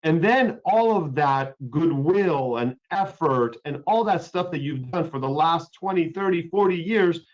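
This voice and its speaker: A man's voice: on the high side, animated, unhurried, few pauses. A man hosting a webinar on practice planning, talking loosely and conversationally, with frequent fillers and repeated words. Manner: rambling, repeats words and uses many fillers. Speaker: webinar host, healthcare lawyer. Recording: dull lo-fi webinar audio.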